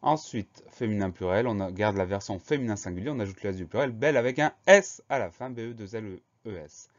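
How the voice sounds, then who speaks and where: A man's voice: fairly low pitch, lively intonation, brisk, lo-fi sound. A man teaching a spelling lesson, patiently spelling out each word letter by letter.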